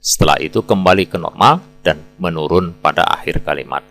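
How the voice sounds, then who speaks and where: A man teaching English pronunciation in a calm, scripted explanatory way. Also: low voice, a little fast, soft background music. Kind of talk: scripted lesson narration.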